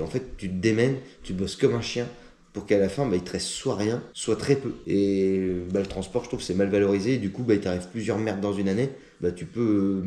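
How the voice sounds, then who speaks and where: A man's voice: on the low side, warm tone, slight background noise. A young man who is a self-employed truck driver, hosting a casual Q&A vlog in slangy speech full of swearing, fillers and restarts.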